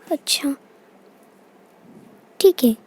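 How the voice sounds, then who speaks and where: In a Hindi storybook tale, a performer voices Preeti, a cheeky, careless schoolgirl doll and daughter who chats away to herself. The delivery is chatty and extremely slow, with a darkish tone.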